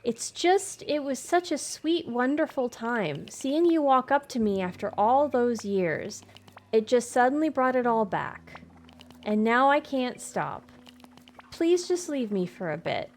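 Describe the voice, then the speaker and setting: A woman's voice: a little high, lively intonation, a little slow, slight background noise. A woman reading the lines of an emotional woman who is crying while she meets an old friend's child. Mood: tearful.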